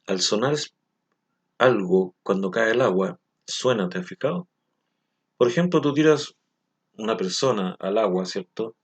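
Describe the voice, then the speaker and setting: A man's voice: lowish voice, expressive, slightly rough. A man teaching a recorded lesson, explaining things patiently and often stopping to ask whether the listener follows. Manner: patient, explains slowly, asks frequent check questions. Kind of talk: recorded language lesson for children.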